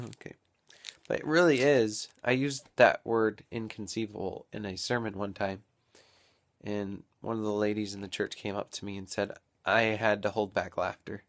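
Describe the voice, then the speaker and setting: A young man vlogging casually at home, rambling and thinking out loud into a built-in camera mic. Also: lowish voice, creaky. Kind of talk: casual daily vlog.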